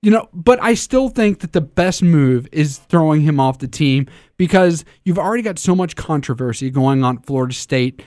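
A man's voice: a little high, animated, normal speed, hardly any pauses, darkish tone, no echo, clean studio sound. A man hosting a casual sports talk show, stammering through restarts as he poses questions to his co-hosts.

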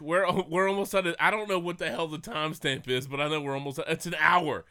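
A man's voice: on the high side, fairly even intonation, fast, bright, forceful tone, smooth. A man hosting a sports podcast in crude, joking, boozy casual banter, swearing freely and prone to laughing. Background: laughing co-hosts.

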